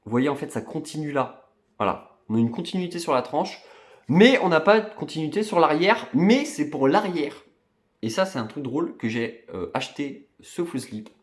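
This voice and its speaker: A man's voice: a little high, sing-song, moderate pace, echoey room. A man casually showing off his film collection, chatty and rambling, with many fillers and restarts. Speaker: collector vlogger. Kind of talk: casual unboxing show-and-tell.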